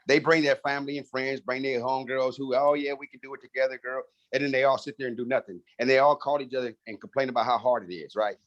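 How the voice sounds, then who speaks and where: A man leading a marketing team, talking in a fired-up, animated, straight-talking way in a casual chat on a video call. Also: medium pitch, quick pace, hardly any pauses, muffled recording. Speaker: network marketing team leader.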